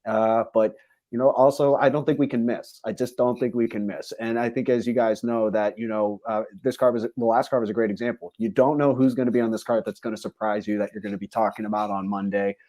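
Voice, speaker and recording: A man's voice: lowish voice, level tone, a little fast, dark tone, no room sound. A man from a fight promotion, a podcast guest, talking at length in a casual interview with many fillers. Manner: talkative, rambling with many fillers.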